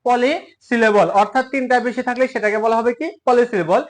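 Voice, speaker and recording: A man's voice: extremely high pitch, fairly even intonation, fairly quick. A male English teacher giving a classroom lesson, asking questions and answering them himself, and spelling words out syllable by syllable.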